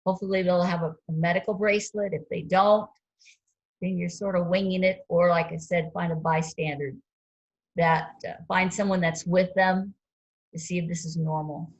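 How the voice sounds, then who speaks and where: Lady instructor running a ski patrol class, kinda low voice, chatty, lots of uhs. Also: normal speed, low-quality recording. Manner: relaxed, conversational teaching with fillers and quizzing questions. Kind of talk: classroom lecture.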